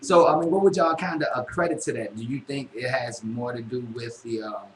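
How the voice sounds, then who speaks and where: A man's voice: mid-range voice, fairly quick. Man, radio host, loose drawling chat, echoey studio, faint hiss. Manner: laid-back, drawling, many fillers. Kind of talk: casual interview chat. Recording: echoey room, faint noise.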